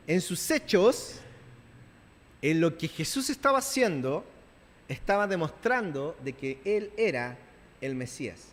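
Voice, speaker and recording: A man's voice: high-pitched, fairly bright tone. A man with a Chilean accent preaching a conversational sermon to his congregation, often checking in with them and acting out scenes. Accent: Chilean Spanish. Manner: acts out biblical dialogue in playful voices. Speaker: pastor. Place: church. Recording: long reverb of a church hall.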